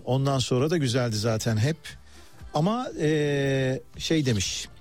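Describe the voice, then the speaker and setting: A man's voice: medium pitch, unhurried, faint music behind. A man presenting live radio news with commentary, addressing listeners in a hesitant, conversational way and turning to colleagues mid-broadcast.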